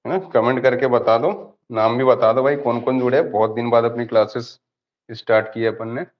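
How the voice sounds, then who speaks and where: In an online class, a man teaches English grammar, repeatedly asking questions and answering them himself. His mid-range voice has little pitch movement and runs a little fast, in dull lo-fi audio.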